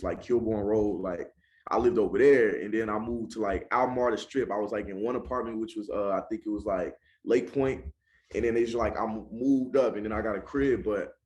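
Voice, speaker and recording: A man's voice: fairly low pitch, darkish tone. A young man from Charlotte, North Carolina, with a Southern accent, a rapper talking casually in an interview and often saying "you know what I'm saying".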